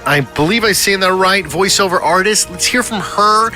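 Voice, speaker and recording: A man's voice: high-pitched, moderate pace, music in the background. A man hosting a podcast, chatting loosely and opinionatedly, often trailing off mid-thought. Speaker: podcast host. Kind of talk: casual chat.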